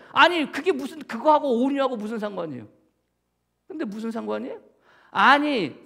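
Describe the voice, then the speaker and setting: High, gravelly man preaching a sermon. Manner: questions the congregation often, answers himself, swings from loud to hushed. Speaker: pastor. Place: church sanctuary.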